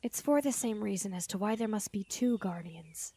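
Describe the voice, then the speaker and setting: In a fantasy audio drama, a woman plays a calm but firm mother who guards dark magic, grave yet gentle in mood. Her medium-pitched, slightly rough voice is serious and deliberate, carrying a protective weight. The recording is dry and studio-clean.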